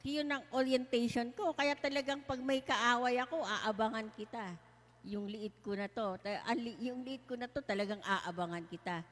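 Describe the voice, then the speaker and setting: A woman with a high voice tells her story as a casual testimony. She is lively and laughs often as she talks. Her voice carries a long, echoey reverb. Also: moderate pace. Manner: lively, laughs often while telling stories. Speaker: guest sharing a testimony.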